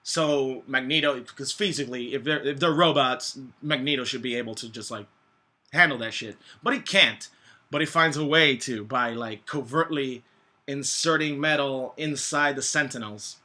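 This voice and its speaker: Bright, forceful man rambling profanely. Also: mid-range voice. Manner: profane, slangy, blunt; halting, groping for words with many false starts. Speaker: movie reviewer. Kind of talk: casual, rambling movie review.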